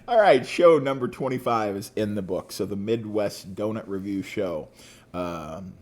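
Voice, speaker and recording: In a fairly low, animated voice and at an unhurried pace, a man co-hosts a casual podcast. His chat wanders, with many fillers and restarts.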